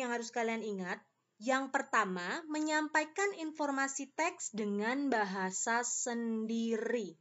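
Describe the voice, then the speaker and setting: A woman teacher, patiently explaining a lesson to children step by step. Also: medium pitch. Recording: slightly dull lo-fi audio.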